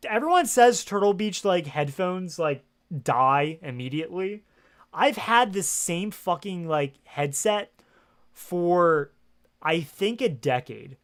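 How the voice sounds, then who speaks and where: A man's voice: high-pitched, expressive, takes it slowly. A man streaming a video game, chatting casually into a gaming headset from his home setup, rambling with plenty of fillers and frequent swearing. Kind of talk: casual livestream chat.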